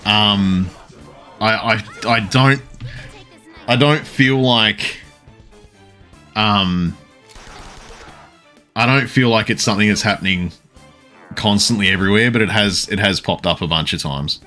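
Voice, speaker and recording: A man streaming a video game live, talking casually and answering his chat with frequent pauses to think. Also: fairly low pitch, sharp tone, faint music behind. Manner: responds to chat messages, pausing often to think.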